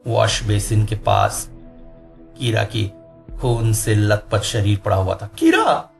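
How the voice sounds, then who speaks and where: Brief: man narrating a horror tale, very slow, suspenseful, light music behind. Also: fairly low pitch, flat delivery, gravelly. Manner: slow, suspenseful, rising in tense moments. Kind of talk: dramatic storytelling narration. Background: faint music.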